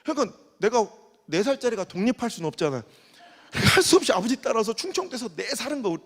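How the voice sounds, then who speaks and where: A middle-aged male pastor preaching a revival sermon, telling lively stories and swinging from quiet asides to loud bursts. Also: very high voice, quick pace, slightly rough. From Korea. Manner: animated storytelling, acts out dialect dialogue, swings from soft to loud. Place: large church sanctuary. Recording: long church hall reverb.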